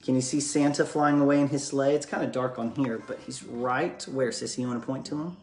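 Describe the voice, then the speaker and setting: An American dad who writes children's books reads a bedtime story and chats casually with viewers from his echoey living room. His male voice is mid-range and a little mellow, with fairly even intonation and a brisk pace. Faint music plays behind him, and a camera or phone sits propped just past arm's length.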